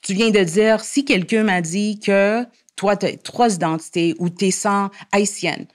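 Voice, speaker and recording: A woman's voice: mid-range voice, unhurried. Earnest woman guest making her case. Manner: earnest, argumentative, many restarts. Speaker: guest columnist. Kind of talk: podcast interview conversation.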